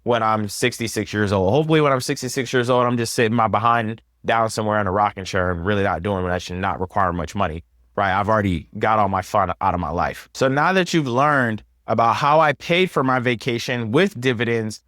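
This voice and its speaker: A man's voice: on the low side, fairly quick, fairly bright tone, no echo, studio quality. A man in his thirties hosting a personal finance video, explaining step by step in an upbeat, conversational way. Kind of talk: explanatory talk to camera.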